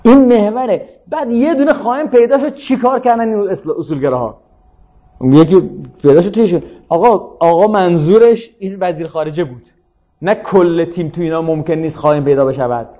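High-voiced man arguing in a lecture. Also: warm tone, dull audio. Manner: argumentative, checks listeners follow with rhetorical questions. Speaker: speaker on religion and politics. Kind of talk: informal lecture.

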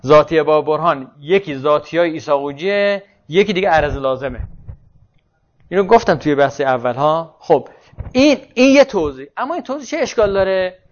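A man's voice: on the high side, expressive. A man giving a philosophy lecture, thinking aloud, asking himself questions and answering them, and stopping to correct himself. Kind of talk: university lecture. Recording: muffled lo-fi classroom recording.

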